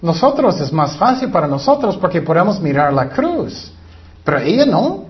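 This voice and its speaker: A man's voice: sits high, big pitch swings, normal speed, lo-fi sound. A man preaching a sermon in an earnest, emphatic way. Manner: earnest, emphatic, breaks into acted quotes.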